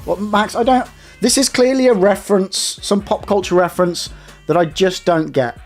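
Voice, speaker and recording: A man's voice: high-pitched, moderate pace, soft background music. Chatty man live-streaming. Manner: chatty, rambling, addresses chat directly. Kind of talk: casual live-stream chat.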